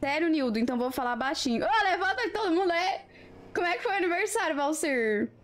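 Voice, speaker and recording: A woman's voice: extremely high pitch, animated, quick pace. A Brazilian woman hosting a live stream, chatting casually with viewers in a playful, teasing way. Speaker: livestream host.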